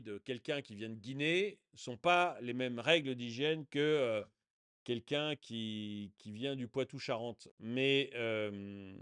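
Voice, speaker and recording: A man's voice: medium pitch, fairly bright tone, smooth, no echo, clean studio sound. A man giving casual video commentary in a sarcastic, indignant way, often chuckling. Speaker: online commentator.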